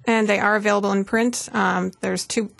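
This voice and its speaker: A woman author guesting on a radio talk show, speaking in a laid-back, unhurried way. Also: medium pitch, fairly even intonation, vocal fry, no room sound. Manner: laid-back, slow, laughing easily. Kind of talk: casual radio interview.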